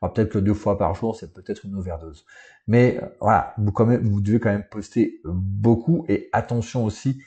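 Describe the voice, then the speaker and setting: Low, mellow-voiced man teaching casually. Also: moderate pace, faint music behind. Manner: casual, many fillers like "euh" and "hein". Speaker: school coaching trainer. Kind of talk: unscripted online lesson.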